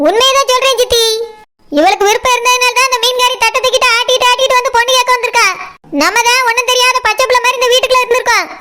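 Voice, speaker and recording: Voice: extremely high pitch, steady tone, rapid-fire, pushed and bright. A voice actor playing a blunt, lecturing middle-aged woman in a cartoon, with a Kanyakumari Tamil accent. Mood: scolding. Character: middle-aged woman, sharp-tongued and scolding. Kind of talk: cartoon voice acting.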